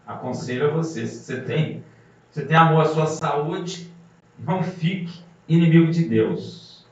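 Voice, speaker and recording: A man's voice: a little high, a little slow, a little mellow. A man preaching a sermon, emphatic and full of rhetorical questions to the congregation. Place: congregation hall. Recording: muffled, very echoey hall from a distance.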